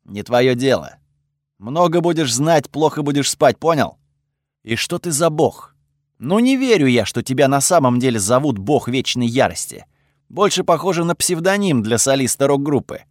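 A man voicing a snarky, sharp-tongued male god spirit in an audiobook, curt and sarcastic, with a lively swinging pitch and a dry close sound. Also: normal speed, dry recording, natural voice. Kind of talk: audiobook character voice.

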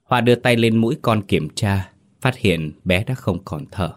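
A man hosting and narrating a scripted horror story in a steady, measured way. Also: fairly low pitch. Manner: steady, measured storytelling with hesitant asides in the intro. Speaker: host and narrator.

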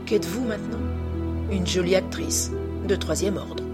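A woman's voice: medium pitch, moderate pace, over loud music, lightly acted. A woman reading a bitter, scornful young man. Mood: bitter contempt. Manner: cutting, accusing tirade.

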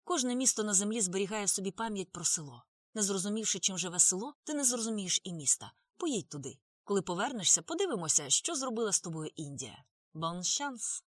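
A woman's voice: medium pitch, big pitch swings, brisk, no echo, studio quality. A woman voicing a drawling theatrical Frenchman. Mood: earnest. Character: talkative witty Frenchman, middle-aged.

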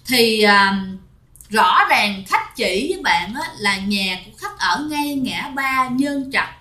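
A woman tells a ghost story in a chatty, personal way, speaking straight to her listeners. Her voice sits a little high and sounds bright and forceful. The room around her is echoey. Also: lively intonation, slow. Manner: chatty, addresses listeners directly, acts out quoted lines. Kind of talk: conversational storytelling.

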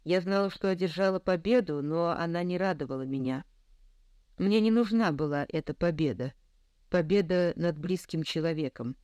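A woman's voice: lowish voice, normal speed, dark tone, no room sound. A woman narrating a first-person novel in an earnest, reflective manner. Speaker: audiobook reader.

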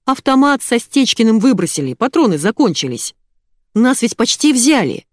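A woman voicing a burly male bodyguard with a hoarse bass voice, coaxing his old boss. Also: big pitch swings, normal speed, no room sound, studio quality. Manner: coaxing, persuasive.

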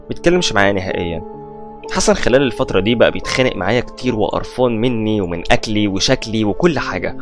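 Casting: Egyptian male storyteller, tense horror narration, brisk pace, low register. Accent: Egyptian Arabic. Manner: tense first-person storytelling. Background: faint background music.

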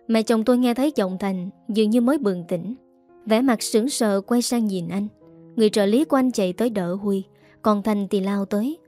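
A woman hosting and narrating an audio story in a smooth, measured manner. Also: mid-range voice. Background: soft background music.

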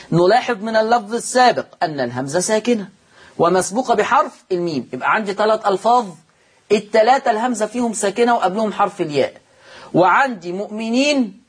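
A man with an Egyptian accent teaching Quran recitation rules, patiently explaining and repeating words slowly for emphasis. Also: sits high, breathy edge. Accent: Egyptian Arabic. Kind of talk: televised religious lesson.

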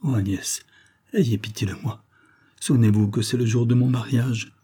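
A man's voice: medium pitch, fairly even intonation, normal speed, warm tone, slightly rough, lightly acted. A man voicing a frightened young bride who pleads fearfully. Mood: pleading.

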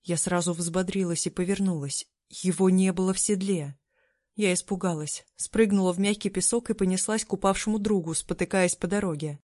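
A woman reading a novel aloud as first-person scripted narration, in a steady, even storytelling manner. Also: lowish voice, fairly quick, dry recording, studio quality. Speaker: audiobook narrator.

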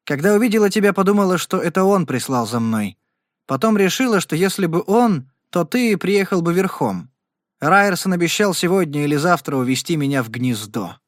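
A man's voice: high-pitched, expressive, fairly quick, no echo, studio quality, voice pushed up. A man reading an audiobook, voicing a frightened but proud young frontier woman in a raised voice. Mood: fearful.

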